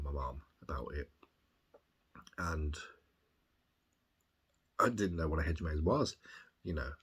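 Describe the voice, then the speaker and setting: An extremely deep-voiced man from Birmingham, speaking with the local accent. His voice is husky and rough-edged. He recounts things in a casual, reflective diary style, pausing and rambling as he gathers his thoughts. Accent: Birmingham English. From Birmingham, England. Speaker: video diarist.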